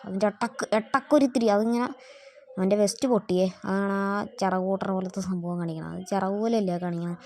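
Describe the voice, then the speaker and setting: A woman's voice: mid-range voice, steady tone, quick pace, darkish tone, a little hiss or hum. Chatty woman commenting on her game. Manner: chatty, keeps addressing viewers as guys. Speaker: gaming channel host. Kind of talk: casual gameplay commentary.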